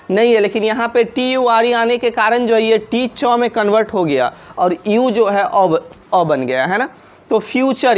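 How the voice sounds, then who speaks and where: A woman with a fairly high voice and a Hindi accent leads a video lesson in the tone of a patient classroom teacher. She spells words out one letter at a time, then asks her viewers a question and answers it herself. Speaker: English pronunciation teacher.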